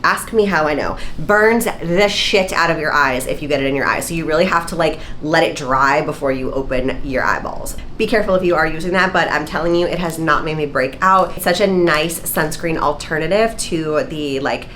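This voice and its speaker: A woman vlogger with a slightly low, nasal voice that sounds congested from being sick. She talks in a casual, slangy, emphatic way, as if to friends. There is clear background noise from the indoor room. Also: fairly quick, hardly any pauses, fairly bright tone. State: congested, getting over a sickness. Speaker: beauty vlogger. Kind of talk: casual chatty product review to camera. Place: small indoor home office.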